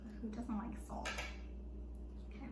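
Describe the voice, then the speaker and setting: Young woman, cooking vlogger, excitable and chatty, echoey kitchen. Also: measured pace. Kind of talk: casual cook-along chat. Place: home kitchen. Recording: echoey kitchen with background noise.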